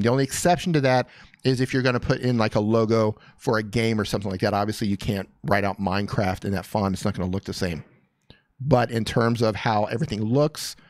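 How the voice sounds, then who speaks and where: A man with a medium-pitched voice hosts a live stream, offering casual, upbeat coaching on channels and reading viewer comments aloud. He is a YouTube coach reviewing channels, and the recording is dry.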